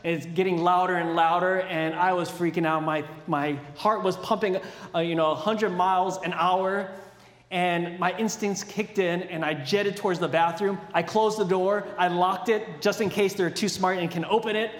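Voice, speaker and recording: A high-voiced man preaches a sermon and tells a personal story with animated, self-deprecating humor. His voice rings through a large hall with long, echoing reverb. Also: normal speed. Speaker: pastor.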